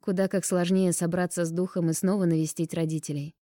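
Low, mellow woman reading a novel. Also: fairly quick, no room sound, clean studio sound. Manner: calm, even storytelling. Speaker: audiobook narrator. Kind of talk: scripted narration of a romance novel.

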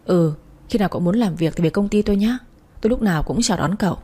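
A woman's voice: mid-range voice, fast talker, dark tone, husky, lightly acted. A woman voicing a generous businessman who speaks kindly to a friend. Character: kind, generous successful businessman.

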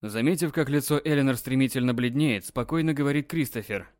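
A man narrating an audiobook in an even, dramatic storytelling manner. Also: mid-range voice, a little fast, no room sound, studio quality.

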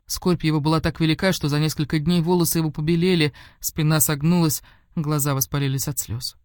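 A woman narrating a fairy tale for an audiobook, measured and expressive in her delivery. The recording is dry and close, with no room sound. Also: low-pitched, no room sound.

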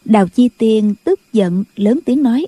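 Husky woman narrating an audiobook. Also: on the high side, measured pace, no room sound. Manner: steady storytelling. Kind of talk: scripted novel narration.

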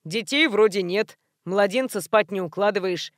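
A woman reading an audiobook, voicing a rude, coarse middle-aged man who yells and grumbles at his neighbor. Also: mid-range voice, normal speed, dry recording, studio quality, lightly acted. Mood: grumbling. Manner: shouting, coarse and dismissive.

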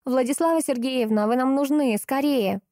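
A woman's voice: high-pitched, normal speed, dark tone, dry recording, studio quality, pitched above the performer's own voice, close to an everyday voice. A woman voicing a haughty, showy young woman with an affected, mocking sweetness.

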